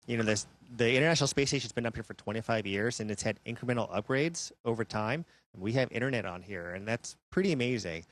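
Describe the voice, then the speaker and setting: A man speaking as an astronaut gives measured, explanatory answers during a live question-and-answer downlink from a space station. His voice is mid-range and expressive.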